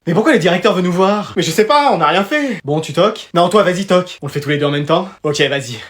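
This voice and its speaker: A comedy sketch performer playing every part, switching quickly between characters in rapid back-and-forth exchanges. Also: mid-range voice, lively intonation, a bit bright.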